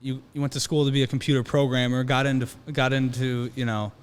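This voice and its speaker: A man's voice: medium pitch, flat delivery, fast, clear, resonant tone. A man hosting a podcast interview, chatting casually and affirming often. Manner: easygoing, affirming, frequent "yeah". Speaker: podcast host.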